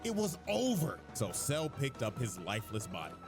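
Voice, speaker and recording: A man narrating a comedic anime recap with a profane, mocking delivery over a loud music bed. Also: medium pitch, huge pitch swings, normal speed. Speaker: YouTube video narrator.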